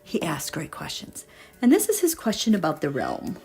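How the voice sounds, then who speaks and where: A woman's voice: low-pitched, huge pitch swings, normal speed, gravelly, darkish tone, soft background music. A woman reading tarot cards in a casual livestream, chatty and meandering as she thinks aloud. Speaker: tarot reader.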